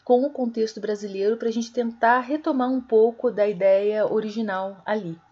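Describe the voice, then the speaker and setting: A woman teaching an online literature class, explaining slowly, with many fillers and corrections. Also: on the high side, dark tone, highs cut off. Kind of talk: online lecture.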